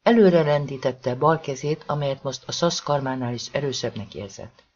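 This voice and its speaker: A man's voice: medium pitch, muffled recording. A man narrating a suspenseful novel in a dramatic audiobook reading.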